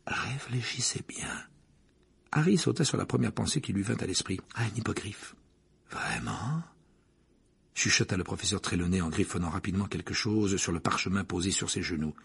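A man narrating an audiobook in a measured, even storytelling manner. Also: deep voice, gravelly, breathy edge. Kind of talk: scripted narration.

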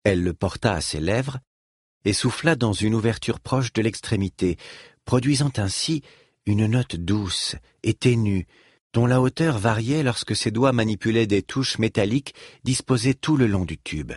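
A man reading a novel aloud with lively, rising and falling intonation. His voice is husky and slightly breathy, and the recording is dry and close. He tells the story with expressive rhythm. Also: fairly low pitch, normal speed, dry recording. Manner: expressive storytelling, voicing each character. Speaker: narrator. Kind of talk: audiobook narration.

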